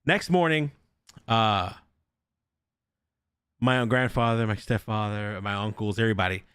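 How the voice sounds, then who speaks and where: Here a young podcast host, unhurried and fairly low in pitch, shares a ghost story casually. The tone is clean with no room sound, and he stays animated, curses plenty, and acts out the quotes of those involved.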